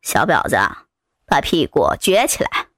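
A woman performs a full character voice pitched far below her own, playing a bullying adult male thug who curses and gives orders with gruff coarseness. She sounds low, fairly bright and very animated, taking her time, recorded in a clean studio with no room sound.

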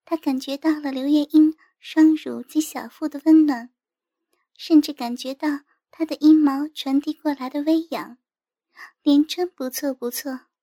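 A woman reading a story as narrator in a steady, even manner. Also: sits high, a little slow, no echo, studio quality. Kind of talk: scripted narration.

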